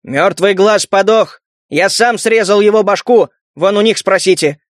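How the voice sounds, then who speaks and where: A man's voice: high voice, a little slow, no echo, studio quality. A man voicing a tough young male leader who barks commands. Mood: commanding. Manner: commanding, barking orders.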